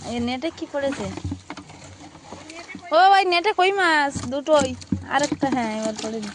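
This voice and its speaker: A hoarse woman vlogging her village life outdoors, chatting and asking her family questions as she goes. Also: high-pitched, lively intonation, normal speed, background noise. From Bengal. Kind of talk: casual narration of daily life.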